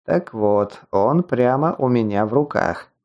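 A quietly dangerous male teacher who speaks softly and sweetly, never raising his voice. A man reads him in a dark, mellow voice at a middle pitch. Every word sounds unhurried and controlled. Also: animated, highs cut off. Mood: calm. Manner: soft, sugary-sweet and unhurried. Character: calm, menacing male mentor, quietly sweet-tongued. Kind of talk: audiobook character voice.

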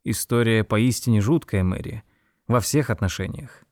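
A man's voice: fairly low pitch, a little mellow, no room sound, clean studio sound, lightly acted. A man playing an impatient clever detective. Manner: brisk, reasoning, impatient.

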